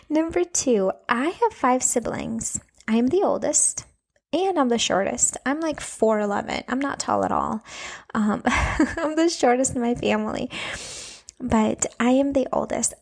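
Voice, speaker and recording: Expressive and unhurried, with vocal fry and a pitch on the high side, a podcast host speaks alone in a casual, earnest, encouraging chat. She is an anger coach for moms in her thirties, born in Latvia with Russian as her mother tongue.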